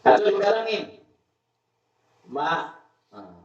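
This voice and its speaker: A man's voice: sits high, expressive, slow pace, gravelly. Man preaching in a roomy hall. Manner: emphatic, repeats key words, swells to loud pleading. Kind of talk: sermon at a religious study gathering. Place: hall of a study gathering. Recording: roomy, distant, dull live-stream sound.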